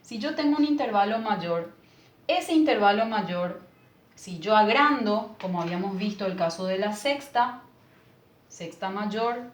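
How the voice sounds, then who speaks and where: A woman's voice: medium pitch, lively intonation, a little slow. A woman, a music teacher patiently explaining a lesson and checking in with rhetorical questions. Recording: echoey room with faint noise.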